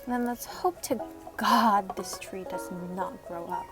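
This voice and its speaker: A woman's voice: medium pitch, measured pace, over music. A woman streaming a building game, chatting playfully and slipping into mock-dramatic outbursts. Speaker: vtuber streamer. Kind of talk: casual gameplay commentary.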